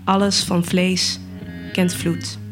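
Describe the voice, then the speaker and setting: A woman reciting spoken word poetry in a slow, measured way. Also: on the low side, flat delivery, soft background music.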